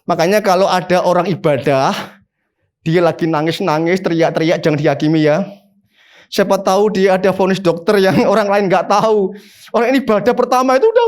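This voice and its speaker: A man, a pastor preaching a sermon in an animated way, with sudden high emphatic bursts.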